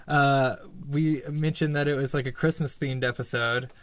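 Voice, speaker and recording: A man hosting a casual podcast chat in a music studio, joking and rambling with quick asides. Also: medium pitch, fairly even intonation, dry recording. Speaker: podcast host.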